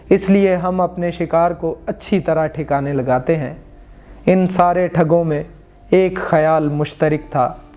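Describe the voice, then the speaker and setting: A man narrating a historical story in measured, formal literary Urdu. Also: sits high, darkish tone. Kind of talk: scripted narration of a true crime history.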